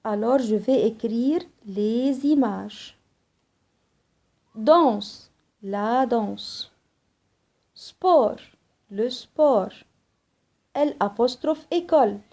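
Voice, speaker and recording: A woman's voice: fairly high pitch, extremely slow, long pauses, dark tone. A woman teaching a French grammar lesson, spelling out letters and listing examples one by one. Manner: switches between French, Arabic and English to explain. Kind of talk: slow, deliberate classroom lesson.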